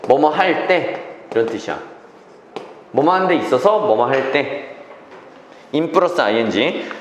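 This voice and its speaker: A man's voice: a little high, slight background noise. A man teaching an English reading class, checking in with students and repeating key phrases. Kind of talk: classroom lecture. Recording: echoey classroom reverb.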